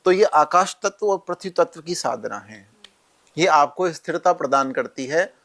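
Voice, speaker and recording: Man calmly instructing step-by-step remedies. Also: on the high side, normal speed. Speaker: astrologer guest. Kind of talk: podcast interview explaining remedies and mantras.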